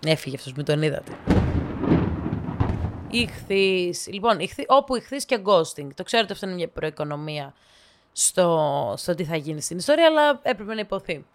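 A woman casually telling humorous anecdotes to her listeners, acting out the dialogue with sharp jumps in pitch and dropping into low, quiet asides. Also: big pitch swings, slight background noise. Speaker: storyteller.

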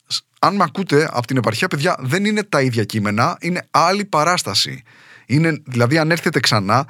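A man's voice: on the high side, fairly bright tone, dry recording, studio quality. A man from Trikala, Greece, a stand-up comedian talking casually and at length to his podcast listeners, rambling and chatty.

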